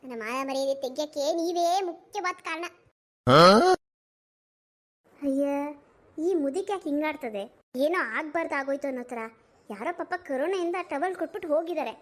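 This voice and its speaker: A woman voicing a sharp-tongued young village daughter-in-law who scolds and retorts briskly in an animated cartoon. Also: high-pitched, voice pushed down, lightly acted. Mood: mocking.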